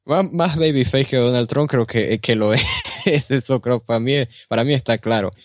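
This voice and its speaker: A man's voice: medium pitch, moderate pace, no room sound, studio quality. Chatty man co-hosting a podcast. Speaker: podcast co-host. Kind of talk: casual wrestling podcast chat.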